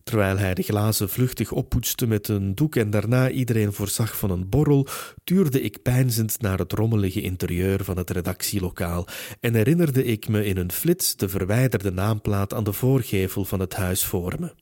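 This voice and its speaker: A male audiobook narrator reads a first-person story at a measured, steady pace. His voice is low and warm, with a dry, close recording. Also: no room sound.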